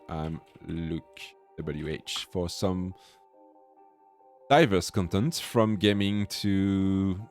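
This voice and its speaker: A man with a fairly low voice and a French accent hosts a casual livestream, with music playing faintly behind him. His English is a little halting as he searches for words in an informal, chatty way. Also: a little mellow. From France. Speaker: host of a coding livestream.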